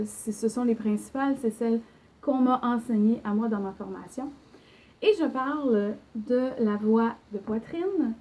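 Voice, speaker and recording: A woman's voice: high voice, a little mellow. A young woman with a Québécois French accent giving an online singing lesson, explaining patiently with fillers and short sung examples. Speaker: singing teacher.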